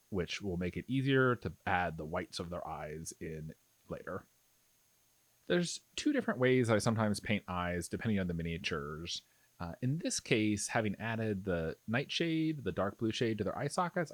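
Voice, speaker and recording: A man with a lowish voice, recorded dry, hosts a miniature painting tutorial. His voice-over is casual and step-by-step, explaining things in an informal way.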